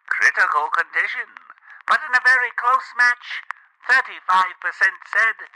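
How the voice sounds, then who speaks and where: Man doing a bright old-time radio announcer. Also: a little high, heavily acted, low-quality recording. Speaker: recurring podcast announcer bit.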